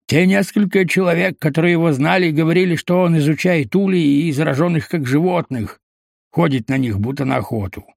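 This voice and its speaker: A man narrating an audiobook in a steady, measured storytelling voice. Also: fairly high pitch, vocal fry, no echo, studio quality.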